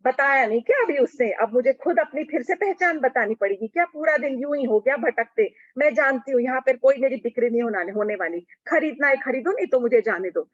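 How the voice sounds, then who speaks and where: A woman voicing Krishna disguised as a proud village goldsmith woman, sharp-tongued and huffy. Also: high voice, animated, fairly quick, hardly any pauses, dry recording, voice pushed up. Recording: dull lo-fi recording.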